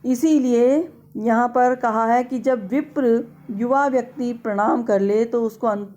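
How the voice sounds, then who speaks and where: A middle-aged woman teaching in a slow, deliberate way, stretching vowel sounds to show how they are spoken. Her voice sits a little high but sounds mellow and soft rather than bright. She takes her time, giving every phrase room. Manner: slow, deliberate explaining, drawing out vowels to demonstrate. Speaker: Sanskrit lecturer. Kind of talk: slow explanatory lecture.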